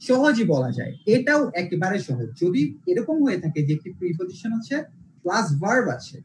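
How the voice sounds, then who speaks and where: Bengali-accented teacher with a lively, animated voice. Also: medium pitch, a little hiss or hum, poor audio. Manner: repetitive, checks understanding with "alright?". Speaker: online English teacher. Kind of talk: live online class, code-switching lecture.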